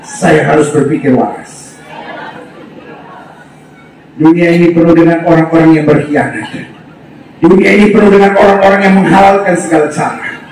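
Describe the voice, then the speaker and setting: A male pastor preaching a revival sermon to a crowd on an open-air stage, leading call-and-response and often shouting. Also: fairly high pitch, steady tone, moderate pace, vocal fry, long pauses, recorded from a distance, a little hiss or hum. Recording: very echoey open-air PA, from afar.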